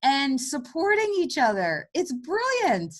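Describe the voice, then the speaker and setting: Co-host, woman, high voice, giggly and enthusiastic. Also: wildly swooping pitch, takes it slowly. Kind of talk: casual chat.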